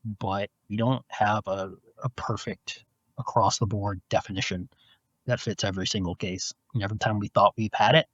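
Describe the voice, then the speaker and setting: A man who is a philosophy professor, answering interview questions in a measured, explanatory way over a video call. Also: lowish voice, fairly even intonation, fairly bright tone, no echo. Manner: measured, explanatory, with frequent restarts. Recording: dull, lo-fi, dry video call audio.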